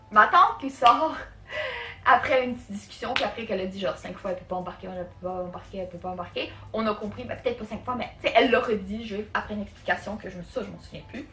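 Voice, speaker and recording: A woman's voice: sits high, sharp tone. A woman from Canada with a Quebec French accent, telling a casual storytime in a chatty way, full of fillers. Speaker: vlogger. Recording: echoey room, faint music.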